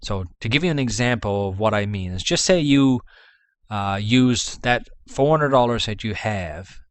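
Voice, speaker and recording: A Canadian-accented man runs a casual dropshipping vlog, rambling through business advice with restarts and fillers. His voice is on the low side and animated, at normal speed with no echo.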